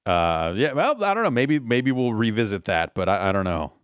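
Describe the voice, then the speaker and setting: A male podcast co-host talking through episodes in a loose, rambling way. His pitch swings around a lot as he trips over restarts and drops casual swearing. The recording is dry, with no room echo. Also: very animated, normal speed. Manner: rambling, profane, many restarts. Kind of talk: casual chat recapping a cartoon.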